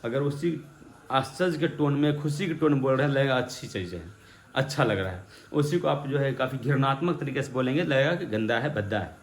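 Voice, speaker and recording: A man's voice: mid-range voice, a little fast. A man teaching English grammar in Hindi to a class, acting out his examples and asking the class repeated questions. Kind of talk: classroom lesson explaining. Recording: echoey room with faint background noise.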